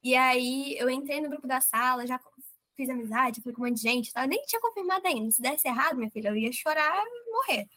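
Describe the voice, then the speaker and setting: A young woman from Brazil telling an interviewer, in a casual and animated way, how she was approved, quoting herself and others as she goes. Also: high voice, brisk. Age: young adult. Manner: animated, quotes herself and others in lively voices. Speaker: approved medical student guest.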